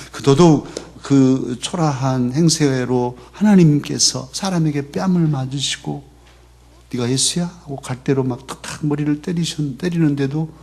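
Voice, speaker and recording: Male pastor, husky, conversational sermon delivery, church setting. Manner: conversational preaching, often drops to a soft low voice for quoted lines. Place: church sanctuary.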